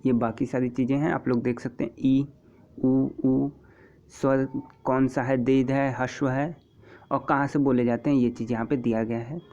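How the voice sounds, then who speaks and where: A man teaching an exam-prep lesson, patiently repeating terms and example sounds, with frequent throat clearing. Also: medium pitch, little pitch movement, a little fast, a little mellow. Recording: dull lo-fi recording.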